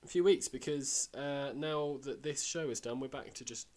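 A hoarse, worn-out man, co-hosting a podcast in casual, rambling chat. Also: mid-range voice, normal speed. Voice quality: croaky. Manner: relaxed, rambling sign-off patter. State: hoarse, unwell and tired. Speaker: podcast co-host.

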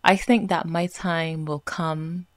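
A woman co-hosting a podcast tells a story in casual chat, using a dry, mock-formal, gloomy-humored manner. Her voice sits low with fairly even intonation, she takes it slowly, and the recording is dry.

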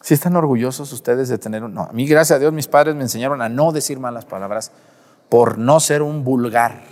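Scolding priest in a reverberant church. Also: male voice, medium pitch, a little fast, a little mellow. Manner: direct, scolding, rhetorical questions to the congregation. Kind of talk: sermon at mass.

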